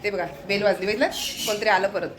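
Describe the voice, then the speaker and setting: A young woman talks straight to her viewers while she moves around her home. Her speech is quick and chatty, and a faint household hum sits behind her voice. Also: medium pitch, steady tone. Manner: chatty, addressing viewers directly. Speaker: vlogger. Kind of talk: casual home vlog narration.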